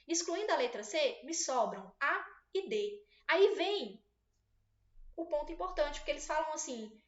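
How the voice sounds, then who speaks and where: A woman teacher with a high voice leads an exam-prep video lesson. She explains each step patiently and keeps checking that her students follow. The sound is roomy and a little dull. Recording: roomy, slightly dull recording.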